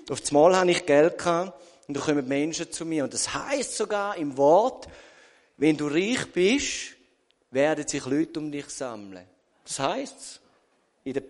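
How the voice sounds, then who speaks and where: A Swiss German man preaches in a church hall, his slightly raised voice trailing off into a long reverb. He tells his story in a lively way, full of quoted asides and questions put to the congregation. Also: a little high. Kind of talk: sermon testimony.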